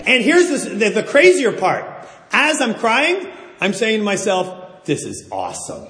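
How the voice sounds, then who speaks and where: A middle-aged man preaching a sermon, telling stories in an animated, self-deprecating way. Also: high-pitched, measured pace, noisy background. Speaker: pastor. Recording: roomy hall reverb.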